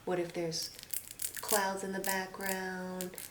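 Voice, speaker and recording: A woman doing a soft-spoken ASMR role-play as an easygoing art consultant, musing and hesitant as she talks. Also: mid-range voice, completely flat delivery, takes it slowly. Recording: distant mic, loud noise, typing and clicks. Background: typing, clicking and tapping.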